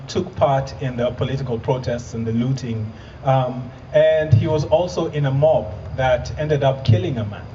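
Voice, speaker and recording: A man's voice: medium pitch, mellow. Kenyan man giving an earnest stage talk. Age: 30s. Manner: earnest storytelling with light humor and fillers. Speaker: presenter. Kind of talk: live stage presentation. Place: event hall with audience. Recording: distant muffled hall recording with faint noise.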